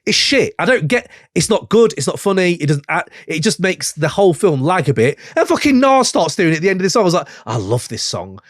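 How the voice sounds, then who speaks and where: Animated man chatting on a podcast. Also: a little fast, hardly any pauses, dry recording, clean studio sound. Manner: animated, swearing, mimics lines with big pitch jumps. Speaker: podcast co-host. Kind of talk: casual chat.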